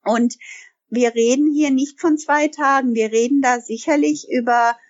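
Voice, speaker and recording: A woman who runs a language school and grew up bilingual in German and English answers interview questions emphatically, frequently correcting herself mid-sentence. Her voice sits high with a steady tone, she takes her time, and the recording is muffled.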